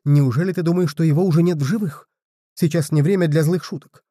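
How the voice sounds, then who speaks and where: A man's voice: on the high side, quick pace, mellow, no echo, clean studio sound, pitched above the performer's own voice, lightly acted. A man voicing Karlman, a serious, troubled young male of a small folk who speaks tensely and earnestly.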